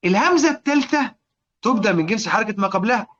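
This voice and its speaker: A man with an Egyptian accent teaching Quranic recitation rules, often repeating points, checking on his listeners and chanting verse lines slowly. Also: high-pitched, animated, fairly bright tone, dull audio. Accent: Egyptian Arabic. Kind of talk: explanatory lesson on Quranic reading rules.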